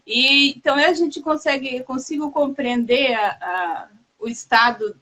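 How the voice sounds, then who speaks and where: A woman hosting a casual live chat, talking in a warm, halting way with many restarts and fillers. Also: high voice, low-quality recording. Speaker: host.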